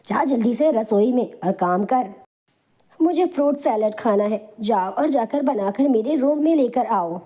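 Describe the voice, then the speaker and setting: A woman's voice: a little high, animated, measured pace, mellow. A woman voicing a spoiled whiny daughter. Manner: whiny, complaining. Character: spoiled, spiteful young daughter. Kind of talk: animated storybook voice acting.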